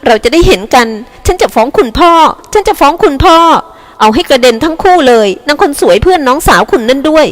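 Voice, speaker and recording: Woman putting on a shrill jealous young wife. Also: expressive, quick pace. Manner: shrill, whining, accusing. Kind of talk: audiobook character reading. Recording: long hall reverb.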